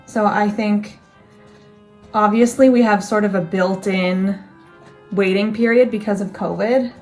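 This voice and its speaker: A woman's voice: mid-range voice, steady tone, a little slow, darkish tone, faint music behind. A young woman in casual chat, thinking aloud in a reflective, rambling way with restarts. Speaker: co-host.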